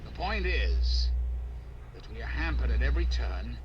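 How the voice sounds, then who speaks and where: An actor voicing a scheming male AI leader in a video game, with a calm, menacing evil AI voice, measured and coldly polite. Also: mid-range voice. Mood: calm menace. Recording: muffled, distant, noisy game capture.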